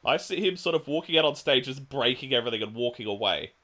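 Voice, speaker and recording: Male podcast host, lively pitch, bright tone, runs the round with quick laughs. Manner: laughs often, moderates the votes. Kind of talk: casual panel chat.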